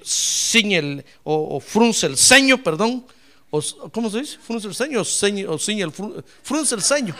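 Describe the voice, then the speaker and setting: A male pastor preaching a sermon, fervent, swinging from loud exclamations to quiet asides and often addressing his listeners directly. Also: sits high. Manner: repeatedly addresses listeners as "hermano".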